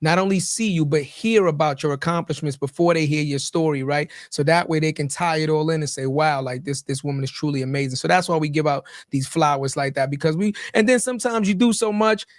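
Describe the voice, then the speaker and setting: A man's voice: a little high, fairly quick, hardly any pauses, dry recording, clean studio sound. A man co-hosting a casual podcast, talking earnestly, repeating himself, and using slang. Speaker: podcast co-host.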